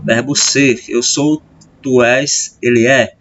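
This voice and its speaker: A man with a Brazilian Portuguese accent teaching a grammar lesson, explaining patiently and often checking in with his listeners. He stretches key terms out slowly and hurries through the asides. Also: mid-range voice, steady tone, a bit bright. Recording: slightly dull lo-fi sound with faint hiss.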